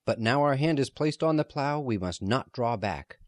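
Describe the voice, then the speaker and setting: A man's voice: mid-range voice, animated, moderate pace, no echo, pitched above the performer's own voice, close to an everyday voice. A man reading the part of a stern, proud elderly rabbi who speaks hotly and with defiance. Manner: hot, stern, declaiming.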